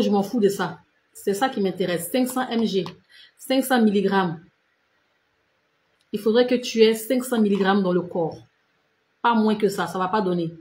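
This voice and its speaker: A woman with a medium-pitched voice gives casual but insistent skincare and diet advice on a live stream, in an echoey room. She repeats herself and speaks directly to her viewers, addressing them as both tu and vous.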